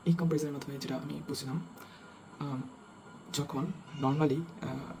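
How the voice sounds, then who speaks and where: A man casually explaining a speaker mod step by step, checking in with his listeners and pausing to search for words. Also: fairly high pitch, level tone, vocal fry, loud music behind the voice, rough recording. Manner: talks step by step, checking in with "right?"; hesitant, with searching fillers while judging sound. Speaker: DIY tutorial host.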